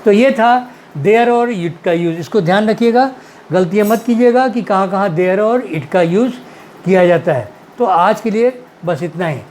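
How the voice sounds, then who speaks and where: A man teaching English grammar in Hindi, patiently repeating example sentences slowly and clearly. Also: high-pitched, lively intonation, darkish tone, a little hiss or hum. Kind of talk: grammar lesson explained in Hindi.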